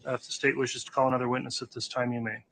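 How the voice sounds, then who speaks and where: A man's voice: mid-range voice, level tone, a bit bright. Male judge on a courtroom recording. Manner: measured, procedural instructions. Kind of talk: formal courtroom proceedings. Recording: courtroom audio with faint ambience.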